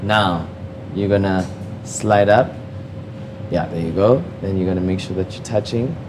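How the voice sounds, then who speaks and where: A man's voice: low-pitched, measured pace. Young south african guy on a date, kinda hesitant and eager, chatting with some noise around. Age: young adult. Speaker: host on a mock date. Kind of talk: casual chat over a meal. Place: restaurant, indoors. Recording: clear background ambient noise.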